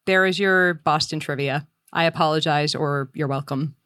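A woman's voice: low voice, normal speed, fairly bright tone, no echo. A woman from Massachusetts in her late thirties, co-hosting a casual podcast chat with bawdy, laughing banter. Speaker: podcast co-host.

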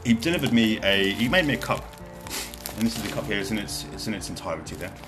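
Music plays behind a British podcaster who chats casually on his own show, wandering off on tangents, poking fun at himself and cursing without restraint. He has a lowish, expressive voice and talks at a quick clip.

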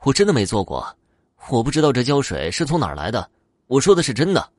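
A man playing a frightened young man who pleads his innocence in a raised, rushed voice. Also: mid-range voice, very animated, dry recording, studio quality, voice pushed up. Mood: protesting.

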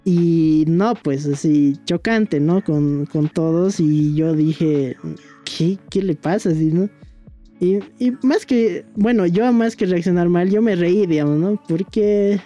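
A man's voice: sits high, takes it slowly, dark tone, faint music behind. A young man with a Bolivian Spanish accent, telling a personal story in a rambling, casual way, with many fillers and tag questions. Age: young adult. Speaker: young historian guest.

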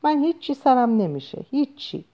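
A woman's voice: high voice, sing-song, warm tone, voice pushed up, exaggerated voice. A woman reading a storybook aloud, voicing a carefree, easily anxious young woman who pleads in a raised voice. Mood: insistent.

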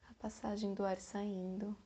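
A Brazilian woman guiding a meditation in a soft, soothing, breathy voice with long pauses, like a calm spa session. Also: mid-range voice. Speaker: meditation guide. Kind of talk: guided meditation narration.

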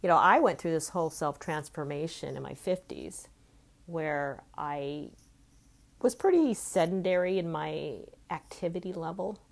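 A woman's voice: sits low, measured pace, creaky. A woman in her fifties from California, talking earnestly and conversationally as she reflects aloud in a personal vlog. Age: 50s. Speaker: self-help vlogger.

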